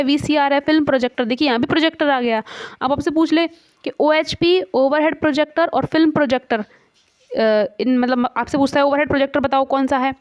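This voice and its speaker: A woman teacher coaching students for an exam. She explains each term step by step and reads English definitions out slowly. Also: high-pitched, no room sound, lo-fi sound.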